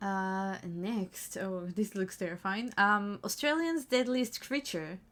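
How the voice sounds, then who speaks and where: A woman's voice: medium pitch, takes it slowly, fairly bright tone. A young woman streamer chatting casually as she reacts to videos, full of fillers.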